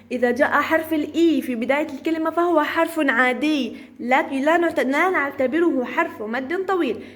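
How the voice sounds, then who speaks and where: A woman teaching a first-grade phonics lesson, sounding out syllables slowly and playfully, with encouraging praise. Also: high-pitched, a bit bright. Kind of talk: early-reading phonics lesson.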